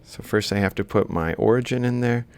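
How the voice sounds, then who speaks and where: Speaking fairly quickly in a slightly mellow voice, a robotics lecturer talks through an example while drawing, reasoning step by step and catching his own mistakes. The recording has faint background noise with a low rumble.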